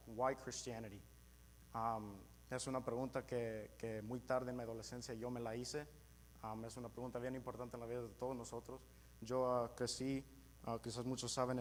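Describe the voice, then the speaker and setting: Young guy teaching at church, american accent in his spanish, gropes for words and mixes in english, humming noisy recording. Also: mid-range voice. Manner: halting, searching for words, switches between Spanish and English. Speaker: church teacher at a youth service. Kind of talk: informal religious teaching to a congregation. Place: live in a church meeting. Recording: clearly noisy with mains hum.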